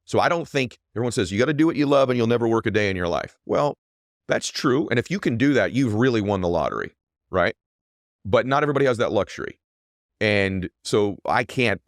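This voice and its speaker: A deep-voiced, middle-aged man hosts a podcast, delivering an emphatic motivational monologue peppered with "right?". The recording is dry and studio quality.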